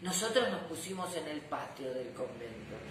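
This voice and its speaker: An affectionate old grandpa general, acted out by a woman storyteller recalls his battles with pride. The delivery is dramatic and very lively in pitch, with deliberate phrasing. The room echoes around the voice. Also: noisy background. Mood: suspenseful, proud. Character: proud, affectionate old grandfather general telling war memories. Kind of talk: children's storybook narration.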